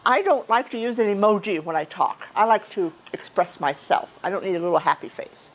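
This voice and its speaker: A woman's voice: mid-range voice, lively intonation, brisk, rough recording. A woman giving an informal, chatty speech at a club meeting, talking conversationally with frequent restarts and asides. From United States.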